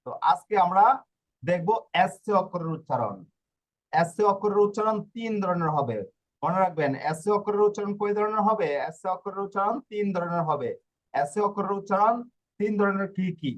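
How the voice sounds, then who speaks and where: Guy teaching a language class online, talks fast, keeps repeating himself. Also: high voice, lively intonation, highs cut off. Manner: repeats and rephrases points.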